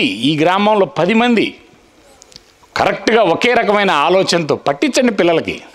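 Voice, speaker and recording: A man speaks in a very high, lively voice. He delivers a fiery speech at a village meeting, repeating his points and pressing the crowd to answer him. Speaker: public speaker.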